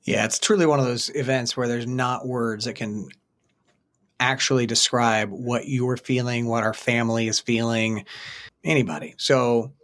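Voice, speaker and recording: A man in his forties co-hosting a podcast, with a voice of ordinary pitch. He talks in a calm, steady, measured way. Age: 40s. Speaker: podcast co-host. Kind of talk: casual podcast talk.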